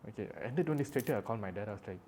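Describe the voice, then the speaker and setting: A man's voice: on the low side, expressive, darkish tone, slight background noise. Emotional young man. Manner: halting, rambling, with many fillers and restarts; emotional and apologetic. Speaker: vlogger. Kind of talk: personal storytelling monologue.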